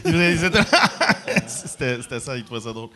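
A man from Quebec, a guest comedian telling animated stories and acting out quotes in high voices. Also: moderate pace. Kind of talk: casual storytelling.

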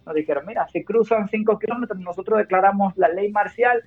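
This interview takes place by phone, and the line is tinny, with soft background music. The speaker is a Cuban woman working as a war correspondent and nurse, speaking in a brisk, medium-pitched voice. She holds long turns, pressing her points with urgency and emphasis.

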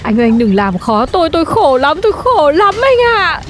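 A bossy, superstitious cartoon shopkeeper mom who scolds and dramatizes everything. Her very high voice swoops up and down a lot. Music plays softly underneath. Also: big pitch swings, moderate pace, a little hiss or hum. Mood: melodramatic. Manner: scolding and melodramatic. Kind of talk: cartoon voice acting.

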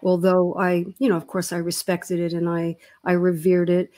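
A woman's voice: fairly low pitch, monotone, moderate pace, mellow. A woman in her sixties, a therapist co-hosting a podcast, talking in a reflective, earnest way and searching for her words. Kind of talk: casual podcast chat.

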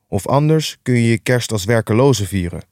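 A man voicing a grumpy, stingy old miser in an audiobook reading, with a curt, gruff and dismissive delivery. The recording is dry and close. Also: mid-range voice, lively intonation, moderate pace, a little mellow, dry recording, close to an everyday voice. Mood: scornful.

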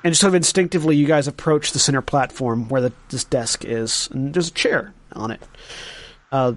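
A man working as game master, narrating a tabletop game with descriptive, deliberate scene-setting. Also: mid-range voice, no room sound.

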